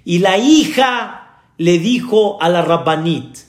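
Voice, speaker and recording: A man's voice: high voice, expressive, takes it slowly. A man, a rabbi giving an earnest sermon told as a story to his congregation. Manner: earnest preacher addressing the congregation directly. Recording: echoey room.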